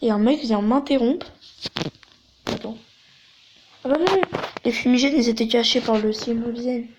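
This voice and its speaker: Woman talking thru a mobile shooter game, fairly high voice, chatty, explaining stuff to viewers. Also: normal speed, background noise. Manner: chatty, explains things to viewers as she plays. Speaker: gaming video host. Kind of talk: casual gameplay commentary.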